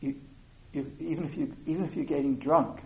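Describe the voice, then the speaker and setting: A man giving an informal meditation talk, speaking slowly and thoughtfully with many pauses and fillers. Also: fairly high pitch, steady tone, dark tone, low-quality recording. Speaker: meditation teacher.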